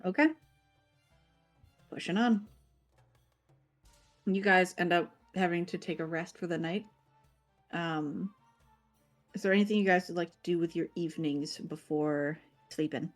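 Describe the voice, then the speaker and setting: A woman serving as game master, describing scenes in a halting, casual way with many ums and likes. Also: on the low side, soft background music. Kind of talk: improvised scene narration.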